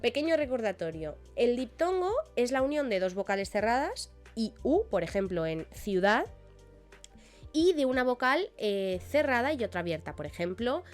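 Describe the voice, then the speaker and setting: A woman's voice: fairly high pitch, sing-song, normal speed, soft background music. A woman with an accent from Spain, a Spanish language teacher explaining spelling rules on a live stream and often checking in with her listeners.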